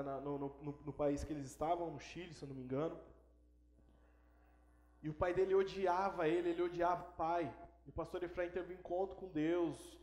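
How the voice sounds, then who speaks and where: A high-pitched male pastor preaches an emphatic sermon, hammering his points home by repeating key words. His voice rings out through a church that echoes all around him. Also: darkish tone.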